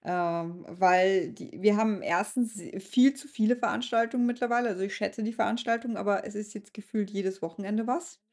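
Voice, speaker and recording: A woman's voice: medium pitch, a little fast, hardly any pauses, darkish tone. A woman who is an artist and event organizer, speaking candidly in a casual podcast chat. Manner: candid, laughs easily, restarts often.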